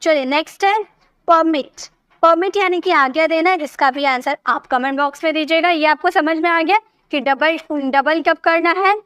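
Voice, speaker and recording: High-voiced woman teaching English. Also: normal speed, fairly bright tone, dry recording. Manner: patient, repeats and checks understanding. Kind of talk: spoken English lesson.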